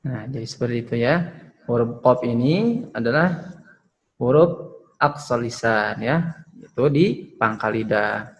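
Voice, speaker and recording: A male Quran recitation teacher gives an online pronunciation lesson, patiently explaining how letters are pronounced, demonstrating the sounds, and tagging phrases with "ya". His voice is medium-pitched and a bit bright, though the audio quality is poor.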